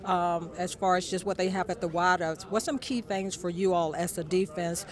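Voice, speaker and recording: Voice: medium pitch, steady tone, normal speed. A sports reporter asking interview questions in a locker room.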